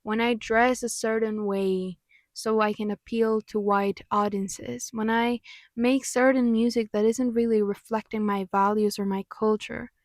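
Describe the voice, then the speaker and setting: Recorded dry and at studio quality, this slightly high-voiced young woman from Mexico speaks with a Mexican accent, Spanish being her native language. She's a vlogger and pop artist sharing reflective thoughts, candid and earnest, at times exasperated.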